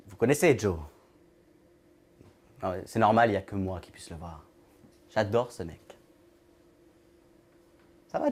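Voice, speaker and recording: A rambling, odd loner. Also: male voice, fairly high pitch, full character voice. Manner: halting, rambling, trailing off into murmurs. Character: odd lonely man with an invisible friend. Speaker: actor in a short film monologue. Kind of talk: film monologue.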